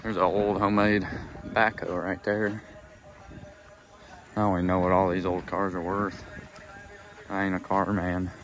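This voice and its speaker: A young man with a twang talks casually into his phone as he wanders an outdoor farm sale. His voice is bright and a little forceful, and his remarks stay easygoing and offhand. A faint outdoor hum sits under him. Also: deep voice, little pitch movement, measured pace, long pauses. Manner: laid-back, offhand remarks while walking. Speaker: vlogger touring an auction. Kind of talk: casual walk-around commentary. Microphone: phone camera held while walking.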